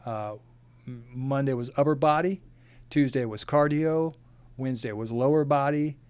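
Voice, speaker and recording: A man speaks plainly as a podcast guest, often pausing with ums and uhs. His voice sits at a middle pitch. The recording is dry and close. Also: darkish tone, clear, resonant tone, dry recording. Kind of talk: casual conversation.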